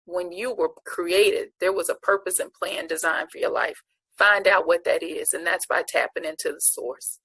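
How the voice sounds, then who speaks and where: A woman with a husky, gravelly voice delivers an earnest, preacher-like speech of encouragement. Her tone sits on the low side, and the recording is dry and close with no room sound. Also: moderate pace, a bit bright, no room sound, poor audio. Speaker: award honoree giving a speech. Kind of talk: inspirational speech.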